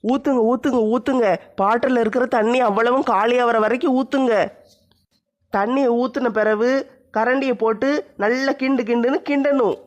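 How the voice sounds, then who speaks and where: A woman's voice: fairly high pitch, steady tone, moderate pace, pitched below the performer's own voice, close to an everyday voice. A woman voicing a sly, spiteful young daughter-in-law who grumbles and runs a mock cooking show. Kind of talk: comedy skit.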